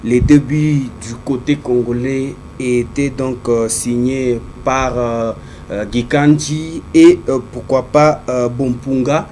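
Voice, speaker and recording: A man presenting sports news on television in a halting, hesitant way. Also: mid-range voice, steady tone, mellow, slight background noise.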